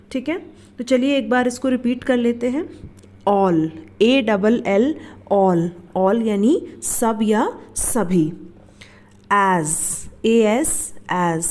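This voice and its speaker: A woman's voice: a little high, mellow. A woman teaching basic English words, spelling each one out, repeating it and asking the listener to say it back. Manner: patient, repeats each word and asks the class back. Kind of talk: slow spelled-out vocabulary lesson.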